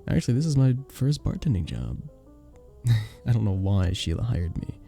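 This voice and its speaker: A man acts out a charming, sweet vampire bartender in an audio roleplay, soft-spoken and formally courteous, sounding flattered, modest and gentle with bashful chuckles. His voice is very dark, low and mellow with a gravelly creak and lively rises and dips, at a moderate pace over faint music.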